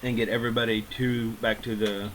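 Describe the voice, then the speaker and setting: A man running a tabletop game as game master, calmly describing the scene and calling for rolls. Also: on the low side, fairly quick, a crowd in the background. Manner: relaxed, instructive, with fillers. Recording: noisy home mic.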